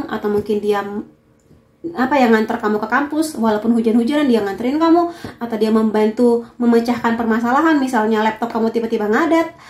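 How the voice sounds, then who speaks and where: A woman's voice: fairly high pitch, darkish tone. A woman with an Indonesian accent giving a chatty, encouraging tarot reading to her viewers, dropping in English words. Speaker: tarot reader. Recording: roomy echo.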